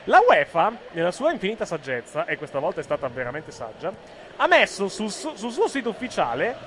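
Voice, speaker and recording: Male host, slightly high voice, halting casual football chatter, faint hiss behind. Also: sing-song, a bit bright. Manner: rambling, halting, full of restarts and apologies. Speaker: host commenting a live match stream. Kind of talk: casual football chat and commentary.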